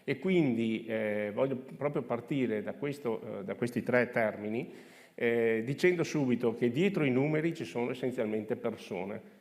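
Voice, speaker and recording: A man speaking through a face mask in a halting way, presenting slides as an official at a conference. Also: medium pitch, darkish tone. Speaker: regional agriculture official presenting. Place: conference room with audience. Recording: reverberant hall.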